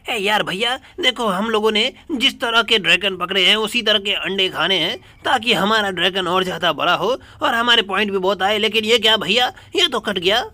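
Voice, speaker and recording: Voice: medium pitch, normal speed, few pauses, sharp tone, no room sound, close to an everyday voice. A performer voicing a timid, cheerful cartoon cat who whines to his big brother while commentating a mobile game. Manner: starts lines with "ae yaar bhaiya", whiny.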